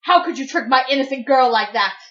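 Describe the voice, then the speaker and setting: A woman voicing Demeter, a fierce and grieving mother goddess of the earth, speaking in a forceful, anguished way in a dramatic story reading. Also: on the high side, a little fast, distant mic, highs cut off, close to an everyday voice. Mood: accusing.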